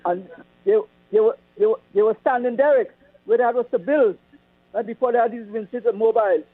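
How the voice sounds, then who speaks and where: A man with a Trinidadian accent, calling in to a radio show over a clipped phone line, talking in a halting way with many ums. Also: high-pitched, no room sound. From Trinidad and Tobago. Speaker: caller. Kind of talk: call-in radio chat.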